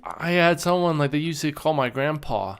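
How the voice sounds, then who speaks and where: A man's voice: a little high, lively intonation, moderate pace, clean tone. A man co-hosting a casual chat show, laid-back and crude, trading dry quips. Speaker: podcast co-host.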